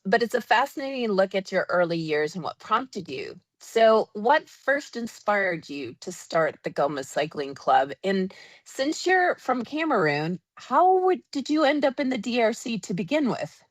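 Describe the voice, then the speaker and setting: A woman hosts an interview podcast, opening with a polished introduction and moving into friendly questions. Her pitch moves a lot and her tone stays upbeat. The recording is dry, with almost no room sound. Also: big pitch swings, unhurried, no room sound. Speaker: podcast host.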